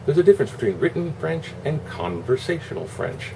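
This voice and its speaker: A man's voice: fairly high pitch, big pitch swings, a little fast, gravelly, distant mic. A man giving a casual, opinionated monologue in a rambling, sarcastic, salty way. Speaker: online video host. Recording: constant air-conditioner hum, noisy room.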